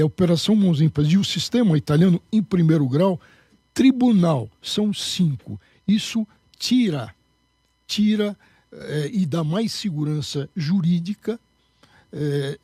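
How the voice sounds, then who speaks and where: Emphatic man, dark husky voice. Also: high voice, dry recording. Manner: emphatic, lecturing. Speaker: interview guest, candidate. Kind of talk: political interview answers.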